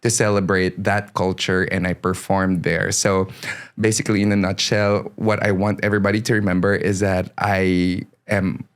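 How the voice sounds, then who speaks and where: Low-voiced man from the Philippines, chatty. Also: little pitch movement, moderate pace, clean tone. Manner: chatty, laughs often, many fillers and restarts. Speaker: podcast guest, singer-songwriter. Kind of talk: casual interview chat.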